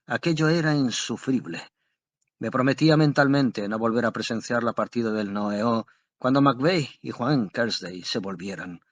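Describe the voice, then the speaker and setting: A man reading a classic story aloud as an audiobook narrator, with a dramatic, expressive delivery. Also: medium pitch, no echo.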